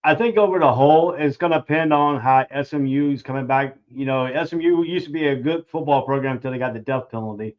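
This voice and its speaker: A man's voice: medium pitch, quick pace, hardly any pauses. Guest analyst, man, loose talker, muffled lo-fi sound. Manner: loose, repeats and restarts phrases. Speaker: guest sports commentator. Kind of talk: casual sports analysis. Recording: dull lo-fi audio.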